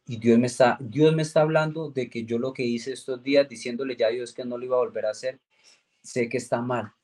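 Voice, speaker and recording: Young adult man, mid-pitched; earnest faith testimony that slips into other people's voices for quoted lines. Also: steady tone, fairly quick, darkish tone. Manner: earnest storytelling, acts out quoted dialogue with raised pitch. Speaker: guest giving a religious testimony.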